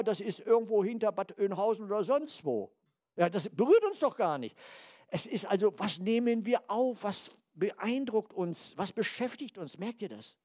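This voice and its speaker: A man in his seventies preaching a sermon in a lively way, acting out quotes and dropping into quiet asides. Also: high voice. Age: 70s.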